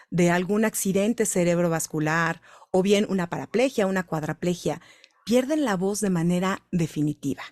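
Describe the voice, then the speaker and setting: A woman's voice: medium pitch, a little mellow, no room sound, clean studio sound. A woman from Mexico City with a Mexican accent, a voice-over artist giving a conference talk and questioning the audience directly.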